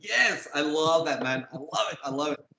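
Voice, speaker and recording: A man's voice: on the high side, lively intonation, normal speed, bright, forceful tone, echoey room, rough recording. A Texas-born man raised partly in Mexico, a guest on a podcast, talking in a laid-back, rambling way with lots of fillers. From Texas, USA, raised partly in Mexico. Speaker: podcast guest, metal sculptor. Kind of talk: casual interview chat. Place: home room with fans and air conditioning.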